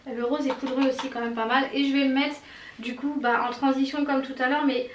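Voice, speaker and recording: A woman's voice: sits high, flat delivery, a little fast, muffled recording. A woman doing a casual makeup tutorial, chatty and enthusiastic with many fillers and little exclamations. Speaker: beauty vlogger. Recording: roomy echo, mic at a distance, faint noise.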